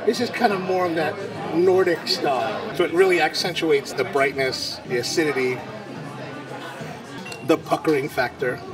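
A man's voice: fairly high pitch, normal speed, distant mic, a crowd in the background. A middle-aged man hosting a coffee vlog, enthusiastically describing the flavors he tastes in a busy coffee shop. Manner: animated, enthusiastic tasting descriptions. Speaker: coffee channel host. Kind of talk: casual coffee vlog chat. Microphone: handheld camera at arm's length. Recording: crowded cafe with background music.

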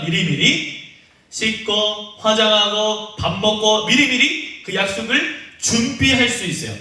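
A man's voice: sits high, pushed and bright. A young man teaching an online Sunday school lesson for children, playful and teasing, calling the kids by name. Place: church room. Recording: echoey, distant from the mic.

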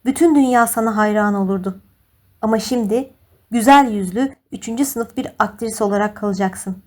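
A woman's voice: mid-range voice, normal speed, a little mellow, natural voice. A woman voicing a cold, contemptuous young man.

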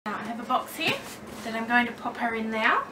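A woman's voice: a little high, lively intonation, fairly quick, noisy background. A woman chatting casually to her camera while packing a parcel at home, a little nervous and apologetic, with her camera mic set a fair way away from her. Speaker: doll vlogger.

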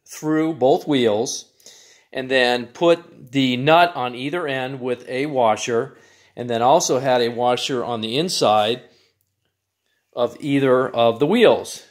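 A man hosting a DIY channel, calmly walking through a step-by-step build tutorial with measurements, in a plain, methodical way. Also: mid-range voice, slow.

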